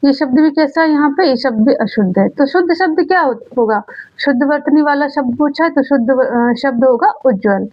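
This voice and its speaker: Female teacher, high voice, exam-prep lesson; poses then answers her own questions, muffled lo-fi audio. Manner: repeats key words slowly. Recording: dull lo-fi sound.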